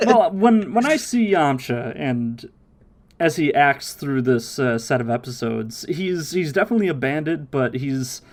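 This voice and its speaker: Animated man recapping on a podcast. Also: a little high, unhurried. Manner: animated, mimics characters' voices while recapping. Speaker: podcast host. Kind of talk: casual podcast chat, recapping episodes.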